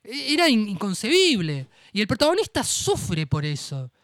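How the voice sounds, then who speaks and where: Young man, Rioplatense Argentine accent, hesitant, bright crisp voice, dry studio sound. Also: sits high, huge pitch swings, normal speed, no echo. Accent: Rioplatense Argentine Spanish. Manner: hesitant, repeats and restarts words. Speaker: literary radio show co-host. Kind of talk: casual radio book commentary.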